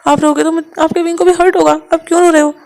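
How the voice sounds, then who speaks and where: Woman reading a soft-spoken, soothing young man, brisk delivery. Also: extremely high pitch, level tone, creaky, pitched above the performer's own voice. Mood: reassuring. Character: gentle soothing young man, devoted partner.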